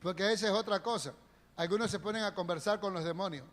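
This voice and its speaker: A man's voice: high voice, quick pace, a bit bright. A male pastor preaching a sermon in a church, emphatic and full of rhetorical questions. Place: church sanctuary. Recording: long church reverb on a live stream.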